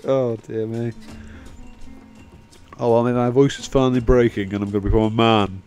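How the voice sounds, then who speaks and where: Recorded as a voice-over on game video, a young let's player chats at normal speed in a slightly mellow, medium-pitched voice that barely shifts in pitch. He rambles, swears, and mocks himself, sounding tired from long talking as end-credits music plays.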